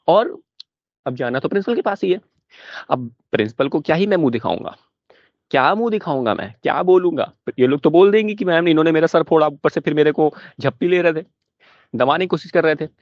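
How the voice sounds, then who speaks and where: A man's voice: on the high side, dry recording, muffled recording. Young man telling a school story on stage. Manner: animated, laughing at his own story. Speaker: stand-up comedian. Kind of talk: stand-up storytelling.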